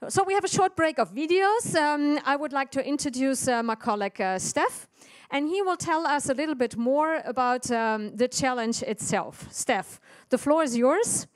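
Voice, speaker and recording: Woman, high voice, event moderator, dry sound, many fillers. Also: lively intonation, moderate pace, no echo.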